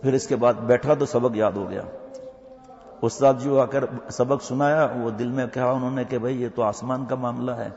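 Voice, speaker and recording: Storytelling preacher in an echoey hall. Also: male voice, mid-range voice, fairly even intonation, darkish tone, slight background noise. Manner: tells a moral story, voicing each person in turn. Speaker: religious scholar giving a talk. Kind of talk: storytelling sermon. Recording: dull, echoey hall sound.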